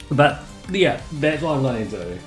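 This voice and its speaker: A medium-pitched man with a sore throat rambles chattily during a relaxed live game stream, often stopping to correct himself mid-sentence. His delivery is flat and droning, echoing through the room while music plays faintly in the background.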